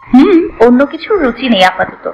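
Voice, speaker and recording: A woman playing an irritated, sharp-tongued young woman in an audio drama. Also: fairly high pitch, big pitch swings, moderate pace, dull audio, faint music behind. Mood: sulky. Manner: snappy and annoyed.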